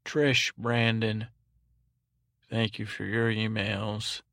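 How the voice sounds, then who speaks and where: Speaking very slowly in a lowish voice, this podcast host delivers a sleepy, droning bedtime monologue. His monotone wanders and trips as he keeps cutting himself off, captured in a dry, studio-quality recording.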